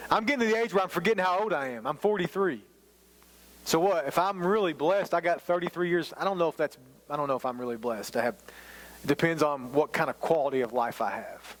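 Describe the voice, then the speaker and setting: A man in his forties delivers a sermon in a casual, conversational way, drifting into self-deprecating asides. His voice sits a little above the usual male pitch. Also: fairly bright tone, poor audio. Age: 40s. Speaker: pastor.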